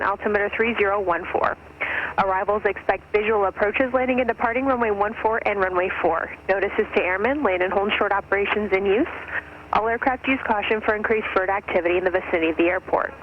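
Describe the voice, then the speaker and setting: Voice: mid-range voice, lo-fi sound, a little hiss or hum. Automated airport weather broadcast voice. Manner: even, clipped readout of numbers and notices. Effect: automated airport weather broadcast over aircraft radio. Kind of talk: recorded airport information broadcast.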